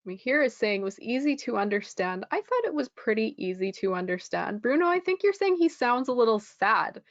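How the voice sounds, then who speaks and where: A woman's voice: a little high, very animated, a little fast, no echo, dull audio. A woman teaching a live online test-prep lesson, explaining scores in a friendly way with frequent ums.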